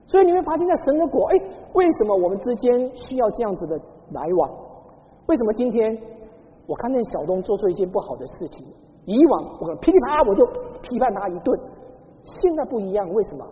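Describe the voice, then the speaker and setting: A woman's voice: medium pitch, fast talker. A woman pastor from Taiwan preaching a sermon, telling stories and calling for answers from the congregation. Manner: lively storytelling with call-and-response to the congregation. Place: church hall. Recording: dull sound in a large echoing hall.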